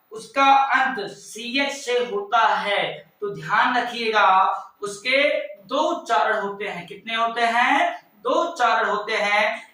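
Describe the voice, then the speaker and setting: A man's voice: very high-pitched, bright, forceful tone. A male English grammar teacher giving a lesson at a board. He mixes Hindi and English and drills his points with repeated call-and-response questions. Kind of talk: classroom-style lesson at a board. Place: classroom with a board. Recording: echoey room, mic set far off.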